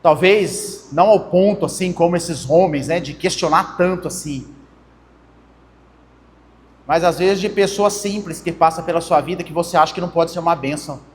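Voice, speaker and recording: This young man, a pastor with a Brazilian Portuguese accent, preaches conversationally and calls his congregation brothers. His voice is on the high side at a normal speed, with a little hiss or hum and long church hall reverb in the recording.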